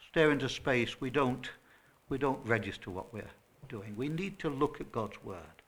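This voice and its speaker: A man preaching a sermon to a small church congregation, earnest and emphatic, rising to loud stresses. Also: medium pitch. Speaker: pastor.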